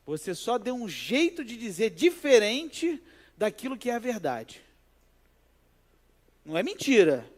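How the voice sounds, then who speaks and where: A man, a pastor giving a sermon in an animated, conversational way and telling a personal story. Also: high-pitched, measured pace, pauses often. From Brazil.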